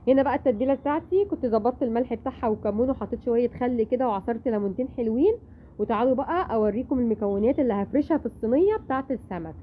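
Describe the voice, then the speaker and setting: Fast-chatting Egyptian woman, tinny sound. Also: a little high. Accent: Egyptian Arabic. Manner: chatty, confiding, acts out dialogue. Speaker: vlogger. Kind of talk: casual cooking vlog chat. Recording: tinny phone-like sound, faint noise.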